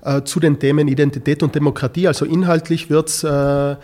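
A man's voice: a little high, level tone, brisk, mellow. A man from Tyrol, a teacher answering interview questions thoughtfully and hesitantly, with many filler sounds. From South Tyrol. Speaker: teacher in a school project.

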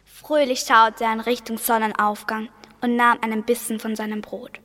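A teenage girl narrates a spooky school radio play in a fairly high, very flat voice. Long reverb hangs on her words. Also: moderate pace. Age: teens.

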